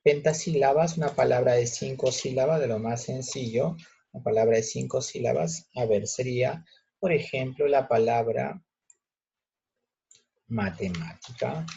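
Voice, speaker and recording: A male teacher patiently explaining a grammar lesson step by step, checking in with students with quick questions. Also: mid-range voice, fairly even intonation, vocal fry, dark tone, slightly rough. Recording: muffled lo-fi recording.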